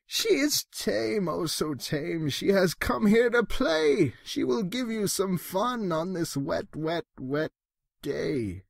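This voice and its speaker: A man's voice: high-pitched, big pitch swings, slow pace, no room sound, studio quality, voice pushed up, heavily acted. A man voicing a sly, sinister trickster cat in a storybook, falsely reassuring, with theatrical rhyming talk. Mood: coaxing, playful. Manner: smooth-talking, theatrical, rhyming.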